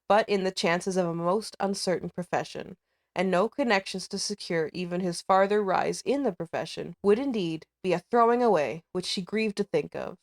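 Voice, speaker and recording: A woman narrates a classic novel like an audiobook, reading in carefully measured, deliberate phrases. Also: mid-range voice. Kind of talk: audiobook-style literary narration.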